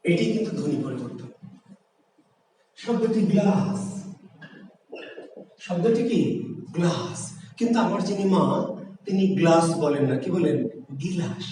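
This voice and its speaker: A man's voice: high voice, animated, normal speed, pauses often, dark tone, a little hiss or hum. A man from Bangladesh, teaching an exam-prep lesson, asking rhetorical questions and repeating key words. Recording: echoey room, voice from far off.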